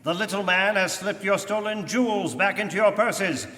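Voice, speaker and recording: A man's voice: high-pitched, normal speed, pushed and bright. A man playing a commanding, taunting invisible vigilante in a theatrical, menacing radio drama style, live in an echoey church hall. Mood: triumphant, taunting. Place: live stage performance in a church.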